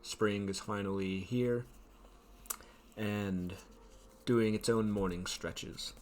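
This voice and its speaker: Low-voiced man narrating as game master. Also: fairly even intonation, a little hiss or hum. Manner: descriptive, unhurried scene-setting with frequent ums.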